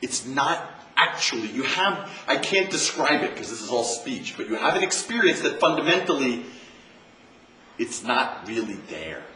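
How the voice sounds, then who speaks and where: Lively American Zen monk, distant and roomy. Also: male voice, mid-range voice, moderate pace. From United States. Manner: conversational, repeats phrases for emphasis. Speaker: Zen monk giving a talk. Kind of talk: informal dharma talk. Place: campus lecture room. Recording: roomy, distant mic, faint hiss.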